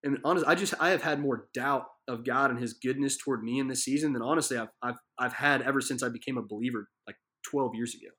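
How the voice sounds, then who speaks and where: A man's voice: medium pitch, quick pace, few pauses, sharp tone. A man giving a casual devotional Bible teaching from a living room, telling the story vividly and earnestly, with many fillers and restarts.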